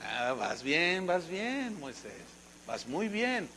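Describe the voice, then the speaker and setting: A man voicing God as a calm, patient speaker who talks low, soft and slow. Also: full character voice.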